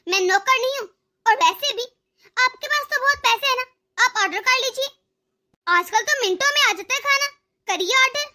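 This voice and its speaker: A woman voicing a spoiled, demanding young daughter-in-law in an animated cartoon, with a haughty, scornful manner. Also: very high-pitched, normal speed, full character voice.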